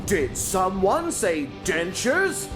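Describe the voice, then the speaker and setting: Grandiose advert pitchman, acted by a man, theatrical and unhurried, animated pitch, over music. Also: full character voice. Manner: grandiose, theatrical, drawn-out delivery. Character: grandiose singing pitchman in a parody commercial. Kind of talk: parody TV advert.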